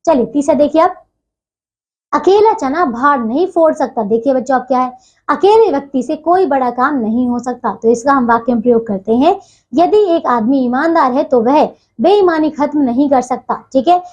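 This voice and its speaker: A woman's voice: high-pitched, lively intonation, moderate pace, a little mellow. A woman teacher explaining a textbook lesson to children, patiently repeating phrases and checking in often.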